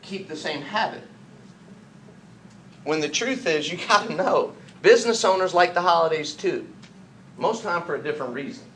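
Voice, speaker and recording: An American man with a high, bright, forceful voice delivers a motivational business training talk. He fires rhetorical questions and jokey asides at the room. The sound is roomy, with a faint hiss underneath. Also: normal speed, long pauses. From United States. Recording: echoey room, faint background noise.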